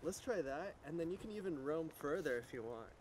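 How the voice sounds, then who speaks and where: A man's voice: fairly high pitch, animated, fairly quick, slight background noise. A man talking casually as a video project collaborator, rambling with many fillers and restarts. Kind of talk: casual chat.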